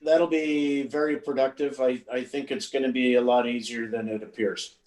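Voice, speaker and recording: Meeting chair, brisk, friendly, roomy echo, video call. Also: mid-range voice, level tone, darkish tone. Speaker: committee chair.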